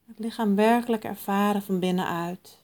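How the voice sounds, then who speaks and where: A woman guiding a mindfulness meditation in a soft, calm, soothing manner with long pauses. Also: medium pitch. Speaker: meditation guide.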